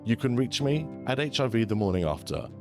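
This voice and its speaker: A man's voice: medium pitch, very animated, fairly quick, music in the background. A man hosting a podcast, delivering scripted introductions and interview questions. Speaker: podcast host, documentary producer.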